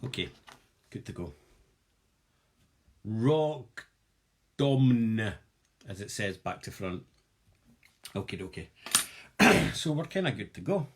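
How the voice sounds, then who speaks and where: Husky, lively Glaswegian man. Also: lowish voice, normal speed, long pauses. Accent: Glaswegian Scottish. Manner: jokey, self-mocking, chatty with viewers. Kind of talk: live-streamed craft demonstration.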